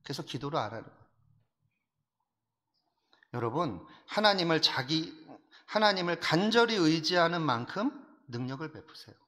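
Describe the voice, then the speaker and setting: A man's voice: fairly high pitch, sing-song, moderate pace, pauses often. Blunt-spoken male pastor in a reverberant hall. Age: middle-aged. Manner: blunt, rough-spoken preaching, swings from loud exhortation to quiet asides. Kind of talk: sermon. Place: church sanctuary.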